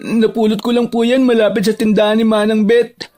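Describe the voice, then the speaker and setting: A man voicing a tearful, timid young village boy in a dramatized story, speaking in halting sobs. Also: high voice, little pitch movement, a little mellow, lightly acted. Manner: sobbing, halting speech.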